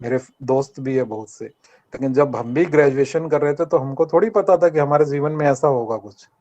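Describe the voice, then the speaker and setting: With a medium-pitched, dark-toned voice at a moderate pace, an older man from Rajasthan delivers an earnest motivational talk as a guest at a college workshop. He asks the students to answer back during the online meeting, which comes through as dull lo-fi audio.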